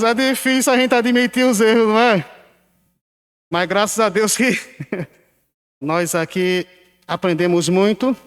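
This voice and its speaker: A man with a notably high voice, speaking as a pastor in a church hall. He prays fervently, returning again and again to the same short invocations. His voice rings with a long reverb from the hall. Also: fairly bright tone, smooth. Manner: prays with constant repeated invocations. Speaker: pastor leading closing prayer. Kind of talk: church anecdote and fervent prayer.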